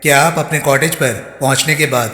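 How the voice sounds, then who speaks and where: A man's voice: a little high, steady tone, brisk, bright, forceful tone, echoey room, in a large hall. A man voicing a stern, persistent male police inspector who questions firmly and pointedly. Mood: probing.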